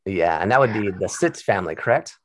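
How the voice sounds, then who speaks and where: A man's voice: low-pitched, animated, fairly quick, slight background noise. A man, a school counselor, hosting a podcast interview with an upbeat, encouraging manner.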